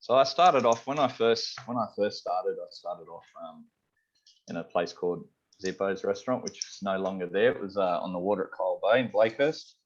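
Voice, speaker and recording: Here's a low-voiced man from Sydney, speaking at normal speed with an Australian accent. A head chef being interviewed, he rambles in a laid-back way, leaning heavily on fillers like "you know" and "um," captured in slightly dull lo-fi sound.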